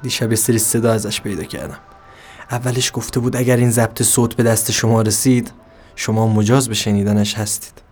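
A man's voice: lowish voice, fairly even intonation, darkish tone, faint music behind. Brooding man in a bitter monologue. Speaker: narrator of an audio drama. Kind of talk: introspective dramatic monologue.

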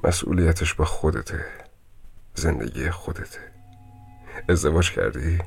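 A man playing a grim storyteller in a horror radio drama, recounting a ghost encounter in a slow, hushed voice that often drops to a whisper. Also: rumbling low, gravelly, breathy edge, heavily acted. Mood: ominous. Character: grim older man in a hospital, warning a visitor.

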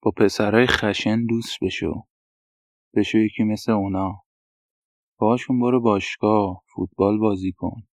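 A man's voice: fairly low pitch, steady tone, no room sound, natural voice. A man voicing a frank male doctor who gives direct, matter-of-fact advice. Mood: advising. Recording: dull, dry lo-fi recording.

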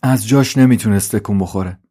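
Male narrator, calm measured audio-story read. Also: lowish voice, breathy edge. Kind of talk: scripted narration.

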